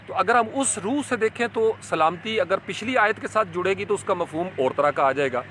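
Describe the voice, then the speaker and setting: A man's voice: fairly high pitch, sharp tone, a little hiss or hum. A man giving a reflective religious lecture, explaining Quranic verses and mixing in English terms. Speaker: Islamic scholar.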